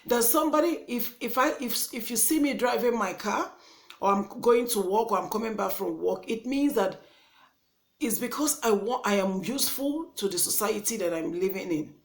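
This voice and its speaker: A woman's voice: a little high, lively intonation, normal speed. A young woman with a Nigerian accent speaks straight to camera in an earnest, indignant monologue, often repeating and restarting her words. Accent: Nigerian English. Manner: passionate, indignant. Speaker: vlogger. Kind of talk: impassioned vlog monologue.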